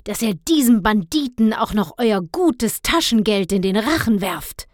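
A woman's voice: mid-range voice, expressive, measured pace, dry recording, studio quality, close to an everyday voice. A woman doing a grumpy stingy storybook father. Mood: indignant grumbling. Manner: gruff, indignant, grumbling. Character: grumpy stingy middle-aged father, scolding.

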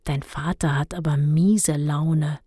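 A plainspoken young boy states his opinion bluntly, as a woman reads him. He talks slowly, close to a dry mic. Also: low voice, fairly even intonation, warm tone, husky, dry recording, voice pushed down, heavily acted. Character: frank young boy, the friend.

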